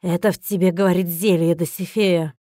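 A stern male dragon, gruff and worn out, speaks in short, low, grumbling lines, as a woman reading an audiobook puts him on. The voice is mellow and soft-edged, recorded close and dry with no room around it. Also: fairly even intonation, brisk, dry recording, natural voice. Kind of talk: audiobook character voice.

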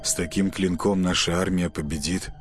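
A man voicing a grim soldier captain, speaking in a quiet, measured way. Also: deep voice, steady tone, music in the background, lightly acted. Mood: resolute.

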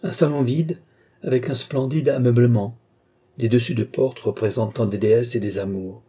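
A man voicing a young woman under a trance who tenderly and slowly describes her visions in a storybook reading. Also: mid-range voice, steady tone, mellow, breathy edge, lightly acted. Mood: dreamy entranced. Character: young woman, entranced clairvoyant, tender and devoted.

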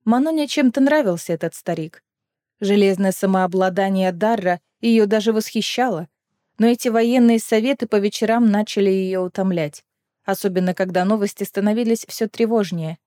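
A woman narrating a fantasy audiobook in an even, measured storytelling voice. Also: mid-range voice, no echo. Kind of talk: scripted narration. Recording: dry close mic with faint music.

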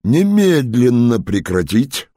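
A man's voice: deep voice, big pitch swings, normal speed, a little mellow, slightly rough, no echo, studio quality, exaggerated voice. A man voicing a commanding, curt male general in an audiobook. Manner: authoritative, curt. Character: commanding stern male general, middle-aged.

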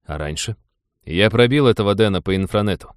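A man's voice: fairly low pitch, animated, fairly quick, no room sound, clean studio sound, close to an everyday voice. A man reading as a weary, sardonic male starship captain in an audiobook. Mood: grim.

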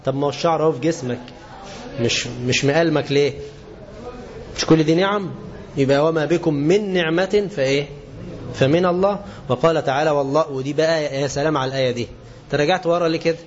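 A man with an Egyptian Arabic accent giving a colloquial religious lesson, often asking his listeners questions and slowing down to stress quoted verses. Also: on the high side. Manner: lively, asks the class questions and answers them; slows down and stresses scripture quotes. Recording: dull lo-fi lesson recording with faint hiss.

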